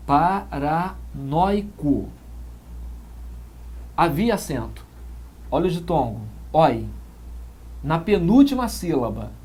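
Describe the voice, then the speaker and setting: Male grammar teacher with a Brazilian accent; unhurried, animated delivery, measured step-by-step explaining. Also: a little high, husky. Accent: Brazilian Portuguese. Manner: measured explaining, frequent tag questions. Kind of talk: exam-prep lecture.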